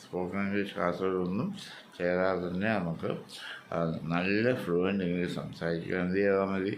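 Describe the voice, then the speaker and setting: A man's voice: deep voice, a little hiss or hum. A man with a Malayali accent teaching a spoken English lesson, explaining step by step and repeating words with exaggerated stress.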